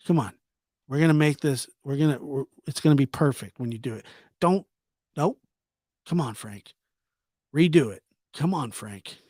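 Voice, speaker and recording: A man hosts a livestream, chatting casually and reacting to viewer comments as he reads and answers them, teasing informally and often repeating himself. His voice is mid-range, and the recording has studio quality with no room sound.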